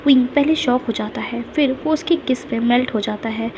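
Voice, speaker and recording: A woman retells a fan fiction story, walking through events at a steady pace. Her voice sits fairly high. The sound is dull and lo-fi, with a faint hiss behind it. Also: moderate pace. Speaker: story narrator.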